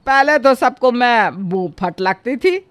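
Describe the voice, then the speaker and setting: A woman's voice: a little high, expressive, a little slow, a bit bright, soft background music. Woman voicing a blunt, outspoken old neighbor. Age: older. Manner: outspoken, advice-giving. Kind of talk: cartoon story voice acting.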